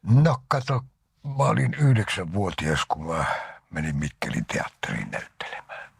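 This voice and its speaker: Older finnish guy telling stories in an interview, super low gravelly voice, goes all husky and whispery. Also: wildly swooping pitch, dry recording, clean studio sound. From Finland. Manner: anecdotal storyteller who often drops into a breathy half-whisper. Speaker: interview guest, actor. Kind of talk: reminiscing interview talk.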